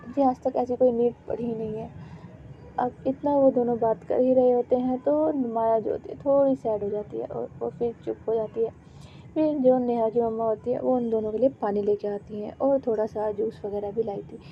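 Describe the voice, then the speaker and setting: A woman's voice: fairly high pitch, steady tone, moderate pace, highs cut off, a little hiss or hum. A woman narrating a romance story in a casual, conversational way, with fillers.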